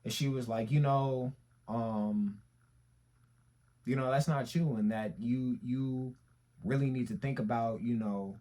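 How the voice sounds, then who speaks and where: A man's voice: medium pitch, unhurried. Young man telling a story, slangy. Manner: slangy, emphatic, swings between loud and quiet. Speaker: vlogger. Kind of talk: casual storytelling monologue.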